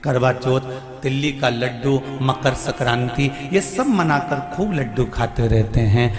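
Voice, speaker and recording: A man's voice: mid-range voice, measured pace. A man preaching a devotional sermon at a live event, pleading and emphatic, full of rhetorical repetition. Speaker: katha preacher. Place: large hall, live event. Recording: echoey hall with music behind.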